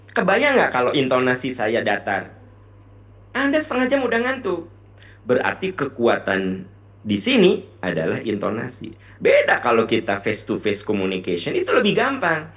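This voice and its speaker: A young man lecturing fellow lecturers in a lively way, asking rhetorical questions and dropping English terms. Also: mid-range voice. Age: young adult. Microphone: online session mic.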